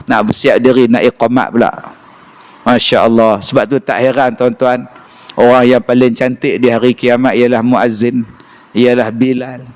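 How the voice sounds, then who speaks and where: A man's voice: medium pitch, normal speed. A man with a northern Malaysian Malay accent, giving a humorous lecture in a mosque and acting out the voices in his stories. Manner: animated storytelling, acts out voices. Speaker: preacher.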